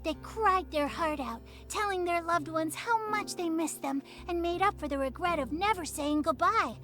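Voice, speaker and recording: A woman voicing a timid, chatty little frog-like vendor in a game, punctuating her sentences with a croaking "ribbit". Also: very high voice, moderate pace, bright, forceful tone. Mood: chatty, earnest. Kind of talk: scripted game dialogue. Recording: game music behind.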